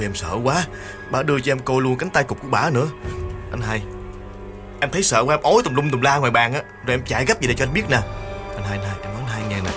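A man's voice: fairly low pitch, natural voice. Brief: panicky, pleading young thief, begging nonstop, voiced by the male narrator. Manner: pleading, repeats "anh hai" over and over. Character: frightened young petty thief, whimpering.

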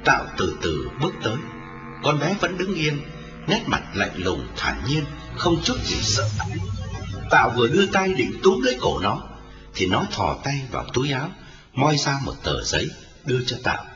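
A man narrating a dramatic story, expressive in his storytelling. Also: medium pitch, normal speed. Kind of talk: dramatic audiobook reading. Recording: roomy, lo-fi, distant, with music.

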